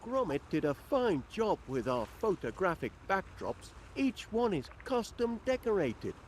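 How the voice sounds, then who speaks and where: An actor voicing a cheery, polite middle-aged inventor with a northern English accent in a video game, chirpy and genteel. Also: male voice, high-pitched, big pitch swings, measured pace, a little hiss or hum. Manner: chirpy, genteel, eager to please. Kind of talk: video game character acting.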